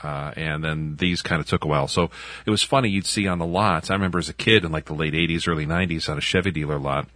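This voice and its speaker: Man, very low voice, rambling casual podcast chat, dry recording. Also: fast, fairly bright tone, no echo. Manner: rambling, filler-heavy, laughs often. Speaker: podcast co-host.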